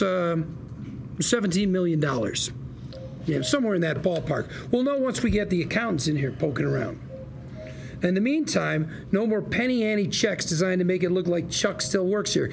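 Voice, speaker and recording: At a script table read, a male actor with a high voice and vocal fry plays a scrappy, indignant lawyer. His performance is sarcastic, combative, and theatrical, with slight background noise.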